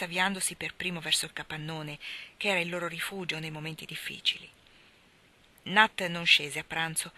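A woman reading a classic children's novel aloud as an audiobook, in a measured, expressive way. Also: on the low side. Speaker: reader.

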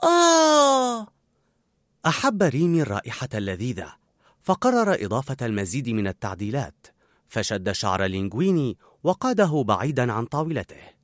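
A man narrating a children's story aloud in an animated, expressive way. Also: mid-range voice, fairly quick, dry recording, clean studio sound.

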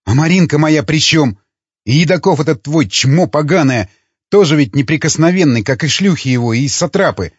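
A man's voice: on the high side, animated, normal speed, slightly rough, no room sound, pitched above the performer's own voice. A man voicing a bitter young rebel. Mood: furious. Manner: impassioned, accusing. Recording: dull lo-fi recording.

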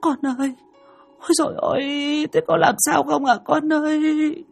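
A man's voice: extremely high pitch, flat delivery, moderate pace, creaky, pitched above the performer's own voice. A man doing a wailing distraught mother. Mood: anguished. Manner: wailing, moaning. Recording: soft music behind.

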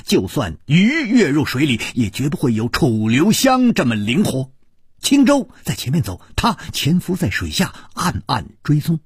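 A male storyteller reading a martial-arts novel aloud with a slow, highly expressive delivery that swings from whispers to high cries. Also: slightly rough, no room sound, studio quality.

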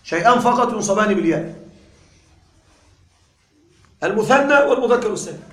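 A man with a high-pitched voice lectures a class on grammar, checking in with his students again and again and hammering each point home. The room adds a clear echo around him. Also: lively intonation, fairly bright tone. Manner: quizzes the class with frequent questions; repeats key points deliberately. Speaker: grammar teacher.

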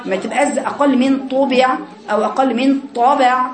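A woman's voice: high voice, steady tone, a little fast, roomy sound. A woman with an Egyptian Arabic accent teaching a recitation class, repeating syllables to show sounds and correcting her students. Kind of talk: classroom lesson on tajweed.

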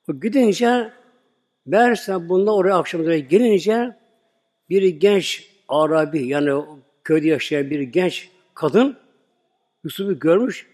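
A man's voice: on the high side, darkish tone, in a large hall. A man preaching a sermon, earnestly telling a religious story and acting out its dialogue for the congregation.

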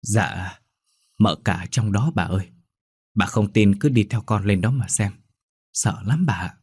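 A man's voice: on the low side, unhurried, a little mellow, husky, dry recording, clean studio sound. A man voicing a frightened young servant girl who stammers and pleads in a ghost story. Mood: scared. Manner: stammering, fearful.

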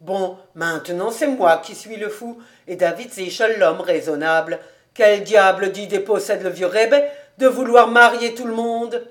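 A woman reading an audiobook, voicing a jolly bachelor man who teases loudly and laughs a lot. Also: mid-range voice, a little slow, close to an everyday voice. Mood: teasing. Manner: boisterous, teasing, laughing.

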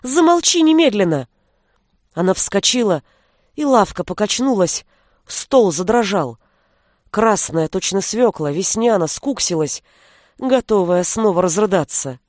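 A woman reads a novel aloud in steady, even narration, her pitch in a middle range. The recording is dry and close, with no room sound at all. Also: unhurried, no echo. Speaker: audiobook narrator. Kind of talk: scripted narration.

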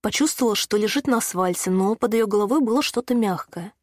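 Woman reading an audiobook, steady voice, dry close sound. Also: mid-range voice, fast talker, no room sound. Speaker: audiobook narrator. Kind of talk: scripted narration.

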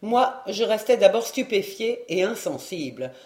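A man reading a classic novel aloud as an audiobook, in measured storytelling. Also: high voice, sing-song, a little mellow. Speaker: audiobook reader. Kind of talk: audiobook narration. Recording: roomy echo.

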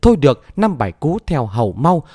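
A man's voice: mid-range voice, sing-song, a little fast, a little mellow, no room sound. A sly palace gatekeeper woman, as a male reader puts her on, who laughs off threats with curt, mocking words. Her storybook voice rises and falls freely and is recorded dry and close.

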